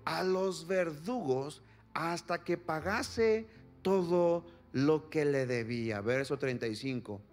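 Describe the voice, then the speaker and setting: A man's voice: a little high, slow, a little mellow, soft background music. A male pastor preaching a sermon, reading scripture aloud and putting questions to his congregation. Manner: reads scripture then asks the congregation questions.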